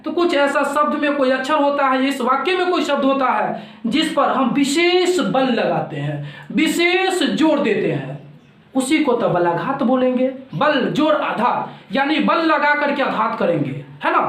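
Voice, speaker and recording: A man's voice: very high voice, fairly bright tone. A male teacher explaining a grammar lesson, repeating each point and asking and answering his own questions. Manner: repetitive, explanatory, asks questions and answers them himself. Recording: roomy echo.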